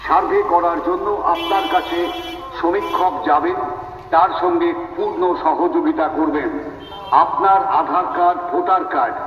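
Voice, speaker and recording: A man with a West Bengal Bengali accent reading a formal public announcement deliberately, as through a megaphone. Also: sits high, animated, a little hiss or hum. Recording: muffled, distant loudspeaker with echoing reverb.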